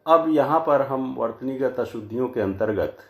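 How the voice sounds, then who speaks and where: A man teaching a grammar lesson from slides, saying each word slowly and often twice so that wrong and right forms can be compared. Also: medium pitch, lively intonation, creaky, roomy sound. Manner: slow, deliberate, says each word pair twice to contrast. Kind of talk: slide-based lecture.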